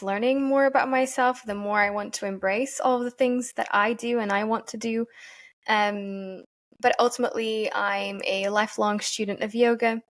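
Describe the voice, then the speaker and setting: A woman from Portugal, a yoga teacher giving earnest, thoughtful interview answers and often pausing to find her words. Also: medium pitch. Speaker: podcast guest, yoga teacher.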